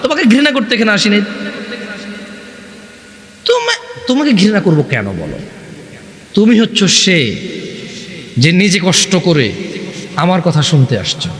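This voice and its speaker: A man with a Bangladeshi accent preaching a sermon to a gathering, loud and animated, asking the crowd questions and answering them. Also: sits high. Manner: restless, loud and animated, says so himself. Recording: echoey hall with long reverb.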